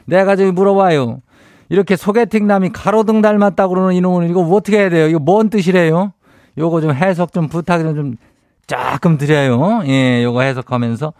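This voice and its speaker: A man's voice: on the high side, a little mellow, no echo, studio quality. A man with a Chungcheong Korean accent hosting a radio show, reading listener messages and giving folksy, teasing, homespun advice in a casual chat.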